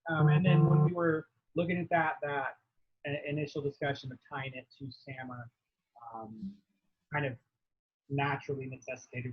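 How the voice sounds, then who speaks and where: A man with a husky, slightly breathy voice speaks over a video call, and the sound comes through muffled and dull as his audio breaks up. He gives a team planning update in a hesitant way, with many fillers and hedges. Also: mid-range voice. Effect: heard over a video call with audio breaking up. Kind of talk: presenting a project update in a meeting.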